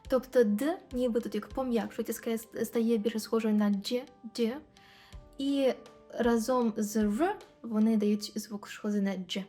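Woman teacher slowly repeating practice phrases. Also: fairly high pitch, steady tone, dark tone, soft background music. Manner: slow and careful, repeating example phrases many times. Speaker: English teacher. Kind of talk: language lesson explaining pronunciation.

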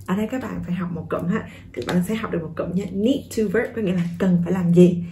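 A woman from Vietnam teaching English through a song, repeating words slowly and coaxing learners to say them with her. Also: fairly low pitch, dark tone, a little hiss or hum. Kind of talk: song-based pronunciation lesson.

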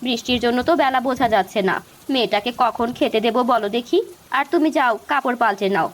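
Woman as gentle cartoon mom, soothing, high voice. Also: quick pace, lightly acted. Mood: caring. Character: patient poor village mother, warm and caring. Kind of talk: cartoon voice acting.

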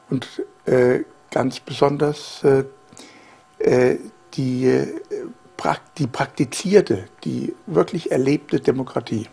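In a living room, a German journalist in his sixties gives a halting but emphatic interview answer full of fillers. His mid-range voice is gravelly and husky, with a slightly mellow quality.

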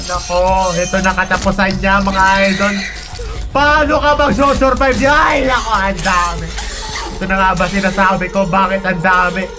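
A man hosting a reaction video, commenting on an animation in an animated, alarmed way, yelping and calling out to his viewers. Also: high voice, moderate pace. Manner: animated, yelps and shouts in alarm, addresses viewers as idols. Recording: music playing loudly behind.

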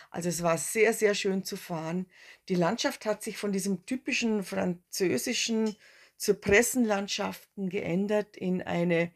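A woman in her forties narrating her motorcycle trip in a relaxed, chatty way, with fillers and restarts. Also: medium pitch, gravelly. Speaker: motorcycle travel vlogger. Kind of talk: casual travel narration.

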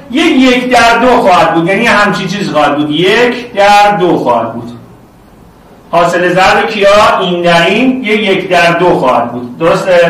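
A man teaching math to an online class, talking loudly and animatedly to his students. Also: high voice, very echoey, far from the mic, poor audio. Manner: loud, animated, talks to students directly.

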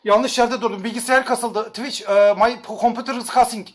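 A man livestreaming, ranting at his chat with crude swearing and halting broken English, swinging between low mumbles and shouts. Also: steady tone.

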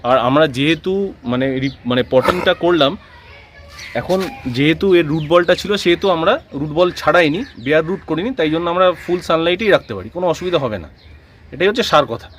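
A man's voice: on the high side, expressive, quick pace, fairly bright tone, a little hiss or hum. A man, asking questions and summing up for viewers with enthusiasm. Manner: enthusiastic, addresses viewers as friends. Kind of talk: casual interview.

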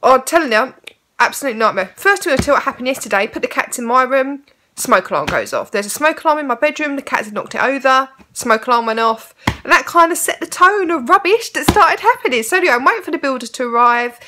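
A woman's voice: high voice, expressive, fast, pushed and bright, slight background noise. A woman, chatting casually to camera at home and rambling a little. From England. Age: 30s. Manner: chatty and rambling, fond baby talk to her cats. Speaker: vlogger. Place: her home, indoors.

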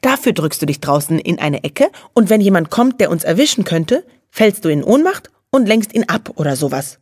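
A woman voicing a fearless, bossy young female dormouse who gives brisk, conspiratorial commands. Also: lowish voice, big pitch swings, darkish tone, breathy edge, no echo, clean studio sound, exaggerated voice.

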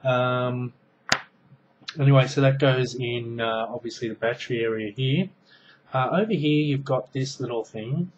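A man in his thirties talks slowly and loosely as he shows off a small gadget, filling gaps with ums and restarting sentences. His voice comes through a dull, lo-fi webcam mic in a small room, with a faint hiss underneath. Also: mid-range voice. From Australia. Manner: rambling, many ums and restarts, hands busy with gadget. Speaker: product reviewer. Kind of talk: casual show-and-tell review. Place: small room indoors at home. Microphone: webcam mic at close range.

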